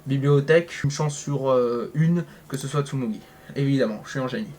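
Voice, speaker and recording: A man's voice: mid-range voice, a little fast, a little mellow. A man narrating a visual novel playthrough, with jokey, slangy asides and exaggerated reactions. A faint hiss sits under his voice. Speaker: gaming content creator. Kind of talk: reading a visual novel aloud with commentary.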